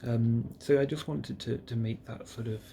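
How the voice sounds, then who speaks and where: A man records a rambling solo health-diary vlog in a private hospital room, drowsy and relaxed after his surgery, murmuring haltingly to himself as his phrases drift off. His voice is medium in pitch and gravelly. He's alone, self-recording on a screened device, and the room is noisy.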